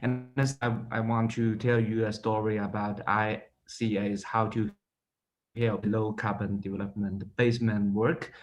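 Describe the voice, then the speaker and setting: A man's voice: fairly low pitch, little pitch movement, low-quality recording. Man on glitching video-call audio. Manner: hesitant, halting, many fillers and restarts. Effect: glitching audio that cuts in and out. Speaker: guest presenter. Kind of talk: conference presentation over a video call. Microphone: remote video call.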